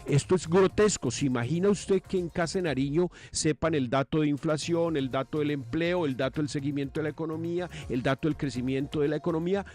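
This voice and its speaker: A man with a Colombian accent and a fairly high voice delivers opinionated commentary on a news programme. He sounds indignant and emphatic, posing questions and answering them himself, with music behind him. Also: a little fast, few pauses, a little mellow.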